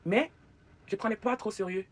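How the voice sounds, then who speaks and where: A native English speaker with an American accent chats casually in a get-ready-with-me video, speaking haltingly and slipping in English fillers. Their voice is medium in pitch.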